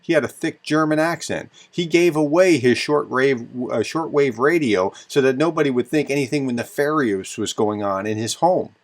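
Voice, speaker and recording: A man's voice: medium pitch, moderate pace, hardly any pauses. A man hosting a channel who comments on news clips in a sarcastic, exasperated way.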